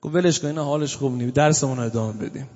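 A male cleric giving a sermon in a mosque hall, alternating loud exclamations with soft, drawn-out recitations. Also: medium pitch. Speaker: cleric preacher. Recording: dull recording with long reverb.

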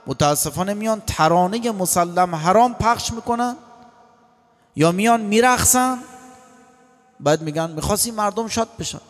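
A man giving a lively religious lecture, quoting scripture and acting out short dialogues. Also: fairly high pitch. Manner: animated, acts out voices and quotes scripture. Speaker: cleric. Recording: long hall reverb.

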